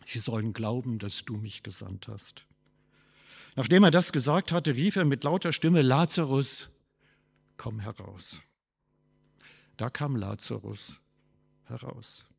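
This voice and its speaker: A man gives a sermon, his husky voice swinging between loud, stressed phrases and quiet, low asides. The long reverb of a church hall trails after each line. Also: animated, a little slow. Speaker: pastor.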